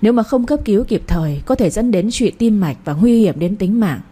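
A woman's voice: mid-range voice, animated, fairly quick, warm tone, husky. A woman voicing a young man reading a formal report aloud.

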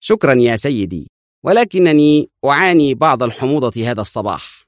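A polite, measured undercover spy, as a man puts him on, his voice lifted well above the narrator's own and lively in its rise and fall. Each reply comes out smooth and deflecting. The recording is dry and close. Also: medium pitch, no room sound, voice pushed up, natural voice. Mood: polite refusal. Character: Egyptian spy posing as Israeli secretary, calm man.

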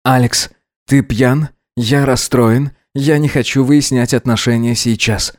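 A man's voice: mid-range voice, fairly even intonation, a little slow, no echo, studio quality, close to an everyday voice. A man voicing a tired, grieving young surgeon who speaks in a restrained way in an audiobook reading. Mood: weary. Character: weary young male surgeon, grieving and hurt.

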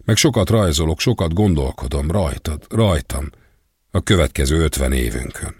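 A man's voice: very deep voice, expressive, a little mellow, slightly rough, no room sound, clean studio sound, heavily acted. A man voicing a man in jail, breezy and self-satisfied on the phone. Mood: boastful. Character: jailed man, cheerful and boastful.

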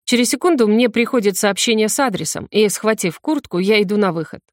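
A woman reading a first-person crime novel aloud in an even, matter-of-fact way. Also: medium pitch, a little fast, no echo, studio quality. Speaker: audiobook reader. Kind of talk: first-person scripted narration.

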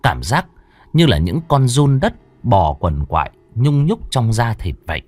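A man narrating a horror story with expressive, dramatic pacing. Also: mid-range voice, a little slow, husky, no room sound.

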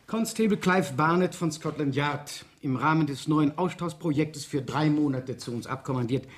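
An actor with a fairly high, natural male voice plays a courteous police superintendent in a 1970s radio crime drama. He's formal and brisk, though awkward with delicate matters, and the mood here is brisk and welcoming.

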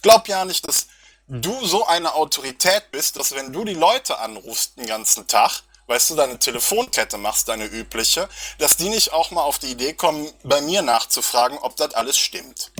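In a heated dispute on voice chat, a man who is a local political party activist sounds agitated and angry, arguing with confrontational accusations and sarcasm. His voice is a little high, animated, a bit bright and slightly rough, moving at a moderate pace. The clip comes from an online voice chat recording.

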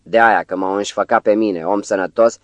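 A man's voice: on the low side, steady tone, no room sound, close to an everyday voice. A man voicing an angry, rude young poet who talks irritably and with scorn, in an audiobook.

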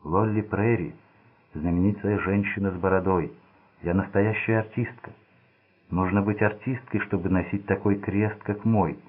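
A man's voice: fairly low pitch, fairly even intonation, moderate pace, husky. A man reading the lines of a fussy, anxious, kindly aging bearded lady who rambles and gushes, in a storybook. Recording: phone-like narrow band.

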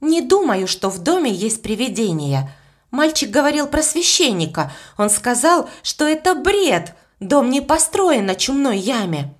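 A woman's voice: high-pitched, big pitch swings, measured pace, pitched above the performer's own voice, exaggerated voice. A woman voicing a sensible, determined young girl who talks in a firm, practical way, reading an audiobook. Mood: indignant. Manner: firm, practical, reasoning aloud.

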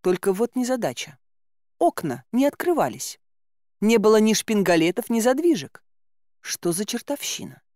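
A woman narrating a fantasy audiobook in the first person, in an expressive style with exclaimed asides. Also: medium pitch, normal speed, no room sound, studio quality. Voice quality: animated, exclaiming inner monologue.

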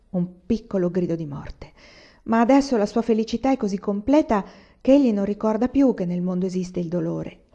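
A woman narrating a literary audiobook in a measured, expressive way, on a dull lo-fi recording. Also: on the low side. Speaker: audiobook reader.

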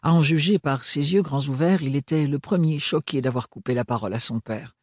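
A man reading a fantasy novel aloud as an expressive audiobook narrator. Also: on the high side, brisk, no room sound, clean studio sound.

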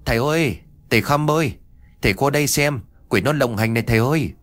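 A man voicing a frightened village woman who calls out loudly and urgently in a storybook tale. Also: lively intonation, fast talker, no echo. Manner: shrill urgent calling.

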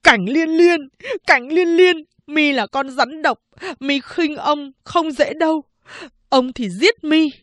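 A woman's voice: high-pitched, slow pace, a bit bright, dry recording, voice pushed up. A woman voicing a self-pitying young man who wails and sobs out his despair, in an audiobook. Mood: furious cursing. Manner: wailing, sobbing lament. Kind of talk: audiobook character voice.

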